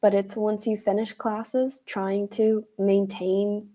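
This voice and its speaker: With the highs cut off, a mid-range, mellow woman's voice with little pitch movement is heard. This young woman from Ireland, speaking with an Irish accent, tutors English online in a casual video-call conversation lesson, quick to affirm and friendly and encouraging in her replies.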